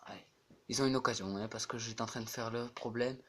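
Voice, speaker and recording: A man giving casual let's-play commentary over a football video game, excitably repeating player names again and again and bursting into shouts at the big moments. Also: mid-range voice, fast talker. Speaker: gaming YouTuber.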